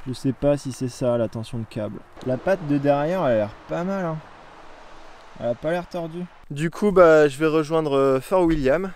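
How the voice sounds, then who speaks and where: Young man rambling to camera, slightly high. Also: normal speed, darkish tone, slight background noise. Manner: rambling, hesitant with many fillers. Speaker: cycling travel vlogger. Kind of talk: casual vlog chat to camera.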